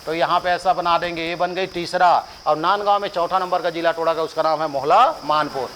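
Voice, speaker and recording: A man's voice: a little high, fairly even intonation, brisk, fairly bright tone, a little hiss or hum, rough recording. A male coaching teacher giving an exam-prep lecture, drilling dates by repeating them and quizzing the students in a joking, familiar way.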